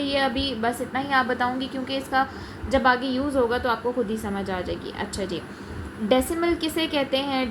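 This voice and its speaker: A woman's voice: high voice, noisy background. A woman with a Pakistani accent teaching a math lesson, explaining patiently as she writes. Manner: mixes Urdu-Hindi with English terms, patient and repetitive. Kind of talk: explaining a math lesson while writing on a board.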